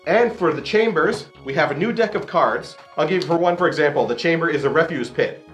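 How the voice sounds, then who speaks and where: A man's voice: on the high side, brisk, a bit bright, soft background music. A man hosting a board game review, reading out rules and explaining them in his own words.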